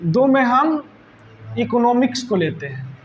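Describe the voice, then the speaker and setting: A male teacher with a Bihari Hindi accent lectures a live class in a high, bright voice, explaining terms step by step and asking "right?" often. The recording is a bit dull and lo-fi, with a faint hiss behind the voice. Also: big pitch swings, measured pace. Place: classroom with students present.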